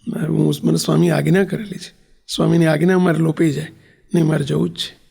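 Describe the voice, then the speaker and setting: A feverish young boy begs tearfully and insistently to be allowed to go, as a male preacher acts him out in a sermon story. The voice sits high and has a gravelly edge. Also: little pitch movement, fast talker, a little mellow, heavily acted. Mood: pleading. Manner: tearful pleading.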